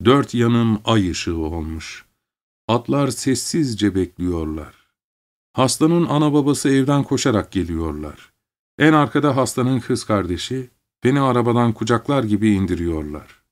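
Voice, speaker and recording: A man narrating a literary story in the first person, reading at a measured pace. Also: medium pitch, lively intonation.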